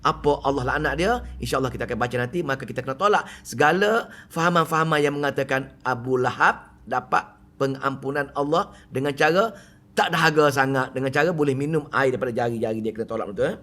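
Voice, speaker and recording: A middle-aged man with a Malaysian Malay accent giving a mosque lecture on Quran commentary, animated and full of rhetorical questions. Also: medium pitch, fast talker. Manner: animated, rhetorical questions, acts out quoted speech loudly.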